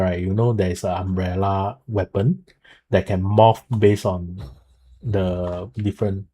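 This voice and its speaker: A man giving casual live game commentary in a halting, explanatory way, often checking himself with okay and so. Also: lowish voice, mellow, slightly rough. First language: not Mandarin; speaks it haltingly. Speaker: streamer and video creator explaining a game.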